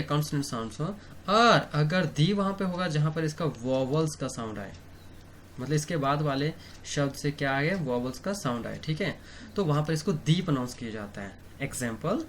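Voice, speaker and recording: This online grammar lesson features a man whose voice is slightly high and somewhat bright, teaching English in Hindi while he writes on a board. He frequently says "okay" and "theek hai", asking questions and then supplying the answers. The recording carries a little hiss or hum.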